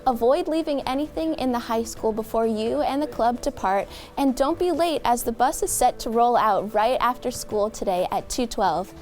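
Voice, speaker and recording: A teenage girl brightly reading scripted school announcements as a student announcer. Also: a little high, expressive, normal speed, hardly any pauses, soft background music. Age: teens.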